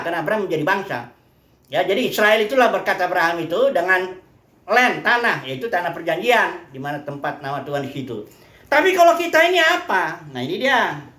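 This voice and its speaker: A woman's voice: mid-range voice, fairly bright tone, roomy sound. A woman preacher from Indonesia teaching a Bible lesson conversationally, asking questions and answering them herself. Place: place of worship.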